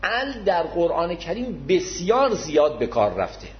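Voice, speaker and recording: A man's voice: a little high, huge pitch swings. A man giving an explanatory religious lecture, speaking patiently and formally to his listeners, repeating key words to make his point. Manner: modest, addresses listeners formally. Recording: dull lo-fi recording.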